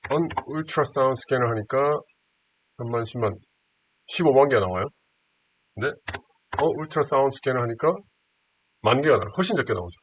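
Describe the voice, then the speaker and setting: A man teaching through a screen recording, who keeps asking the listener rhetorical questions and repeats his key points. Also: mid-range voice. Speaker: instructor. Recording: dull lo-fi audio with faint hiss.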